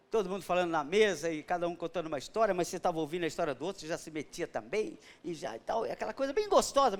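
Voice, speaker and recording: A middle-aged Brazilian man preaching from the pulpit with a strikingly high-pitched voice. He drives his points home emphatically, leaning on rhetorical questions and personal stories. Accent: Brazilian Portuguese. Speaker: pastor. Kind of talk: sermon.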